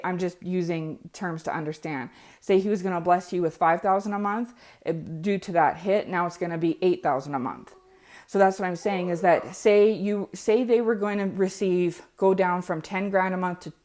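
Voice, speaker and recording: A woman's voice: on the low side, darkish tone. A woman giving an informal, conversational religious message as a lay preacher while washing dishes, with the noise of the chore behind her. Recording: clear background noise of dishwashing clatter. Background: dishes being washed.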